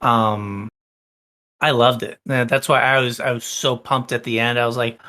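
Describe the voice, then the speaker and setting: A man co-hosting a casual chat podcast, talking in long, excited, rambling runs and swearing freely. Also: mid-range voice, moderate pace. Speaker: podcast co-host.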